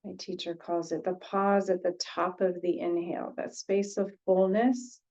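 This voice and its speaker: This meditation teacher has a mellow, soft-edged, fairly low voice and a flat delivery. Her pace is very slow and gentle, broken by many pauses and repeated phrases. Audio quality is a bit dull and lo-fi.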